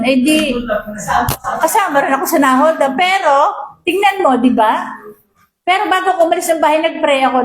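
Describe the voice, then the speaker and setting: A woman's voice: high voice, echoey room, rough recording. A Filipino woman pastor preaching a sermon, reading English lines and often asking her listeners questions.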